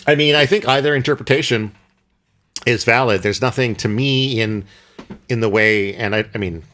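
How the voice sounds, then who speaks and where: A young adult man co-hosting a podcast chats casually about a film in a medium-pitched, fairly bright voice at normal speed. He rambles and hesitates, often pausing to find words with lots of fillers and restarts.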